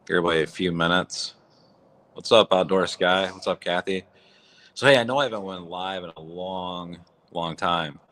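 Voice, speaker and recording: A man's voice: low voice, normal speed, fairly bright tone. A man hosting a casual livestream from a barn, his voice echoing, talking in a raw, blunt, rambling way. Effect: echoey barn sound. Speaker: livestream host. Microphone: phone or app mic.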